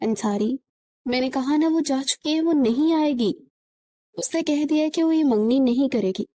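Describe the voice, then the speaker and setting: An anxious young woman scolds and pleads with her runaway friend, as read by a woman narrator. Her voice sits fairly high and mellow, with an urgent push. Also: natural voice.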